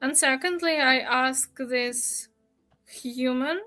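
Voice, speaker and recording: A woman playing a tabletop game, roleplaying casually with hesitant, halting speech. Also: sits high, pushed and bright, soft background music.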